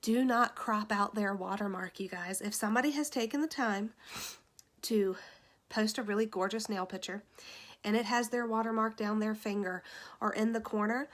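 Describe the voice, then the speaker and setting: A woman's voice: medium pitch, normal speed. A woman giving a casual tutorial on making social media graphics, chatting to viewers through a phone in her room. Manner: chatty, addresses viewers as you guys and y'all. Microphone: phone camera pointed at ceiling.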